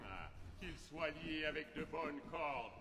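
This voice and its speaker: An actor playing a jealous, pompous villain bent on vengeance, declaiming in a hammy, melodramatic B-movie manner on stage. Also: male voice, a little high, lively intonation, slow, bright, forceful tone, heavily acted. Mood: menacing. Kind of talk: theatrical comic stage opera dialogue. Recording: echoey hall, reverberant, faint noise.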